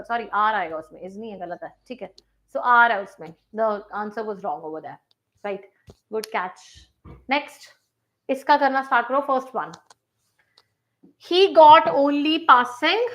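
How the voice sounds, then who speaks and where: High bright-voiced Indian English teacher. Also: female voice, poor audio. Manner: mixes Hindi and English, reads sentences slowly then explains fast. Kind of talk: live online grammar class.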